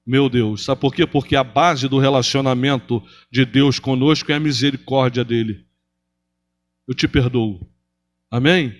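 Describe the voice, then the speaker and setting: A man preaching a sermon to his congregation, asking rhetorical questions and moving between loud emphasis and hushed, drawn-out phrases, with a Brazilian Portuguese accent. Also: mid-range voice, steady tone. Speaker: pastor. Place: church.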